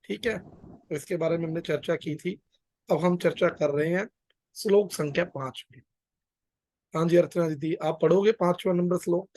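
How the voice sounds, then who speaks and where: A man leads a scripture study class and guides the readers through each verse. His voice sits a little high and sounds dry and close, with no room around it. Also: moderate pace, long pauses, darkish tone, no echo. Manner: guides readers, corrects recitation. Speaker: class leader.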